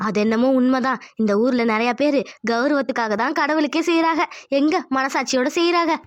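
A woman voicing a calm inner conscience spirit in a cartoon, soothing and reasoning gently, lower than her other figure. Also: brisk, dry recording, natural voice.

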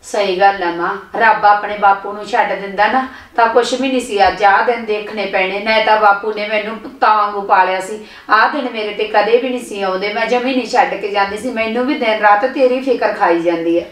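A young woman playing a married daughter who gently soothes and coaxes her mother. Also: medium pitch, brisk, far from the mic, close to an everyday voice. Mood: coaxing. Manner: soothing, coaxing. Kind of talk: village drama acting. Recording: echoey room, voice off-mic.

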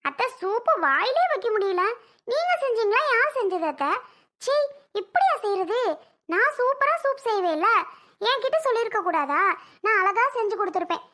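Someone doing a whiny bossy young wife, super high bright voice, family skit. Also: sing-song, normal speed, exaggerated voice. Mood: fussy.

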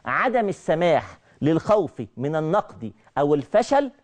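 A middle-aged man with an Egyptian Arabic accent giving a televised religious lecture, animated and repeating his key phrases. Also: a little high, moderate pace.

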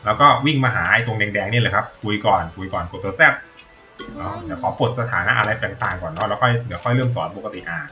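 A man's voice: fairly low pitch, fast talker, over music. A man giving casual, rambling gameplay commentary as a tutorial streamer, thinking aloud and swearing now and then.

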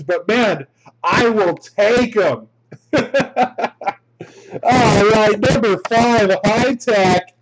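Excitable male card break host on a live stream with a high, animated voice and a slow delivery. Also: rough recording. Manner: excitable, laughing, exclamatory.

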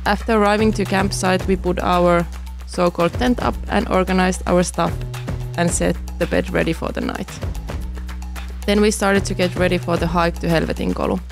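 A woman in her thirties narrates a travel vlog about a camping and hiking trip, mixing voice-over with on-camera chat in a playful, joking way. Her lowish, gravelly voice has lively intonation at normal speed. She's outdoors in a forest, with background music playing under her voice.

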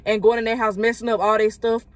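A woman's voice: a little high, level tone, fast talker. A woman co-hosting a reaction video, giving blunt, opinionated casual commentary.

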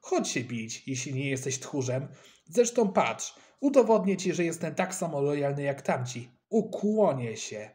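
A man voicing a scrappy schoolboy who is quick to fight, loud and mocking. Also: on the high side, sing-song. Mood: taunting.

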